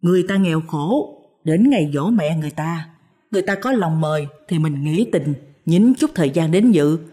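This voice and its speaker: A woman voicing a stubborn older husband in a spoken story who brushes off his wife's worries in a brisk, scolding way. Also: low-pitched, lively intonation, mellow.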